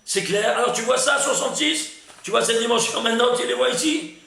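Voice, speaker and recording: A man teaching a Torah lesson in an echoey room, his voice high and bright with a gravelly edge. He talks in an emphatic rush, stumbling over restarts and stopping to ask whether the class is following. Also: brisk. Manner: lively and emphatic, full of restarts, asks "C'est clair?" often.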